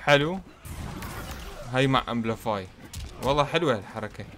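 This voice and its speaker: A man commentating his own fighting-game match, excitable and teasing his opponent as he plays. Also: mid-range voice, brisk, slight background noise. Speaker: gaming channel host. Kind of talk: gameplay commentary.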